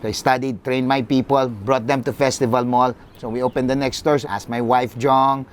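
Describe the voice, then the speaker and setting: A middle-aged man with a Filipino accent, a football club CEO, telling his life story in a halting, earnest way. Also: mid-range voice, flat delivery, clear, resonant tone. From Philippines. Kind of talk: personal storytelling.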